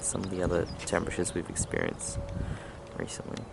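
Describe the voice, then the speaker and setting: Aussie guy vlogging casually on a platform, deep voice, super noisy outside. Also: level tone, fairly quick, vocal fry. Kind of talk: casual train-spotting vlog commentary. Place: outdoor train platform. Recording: loud outdoor wind and traffic noise.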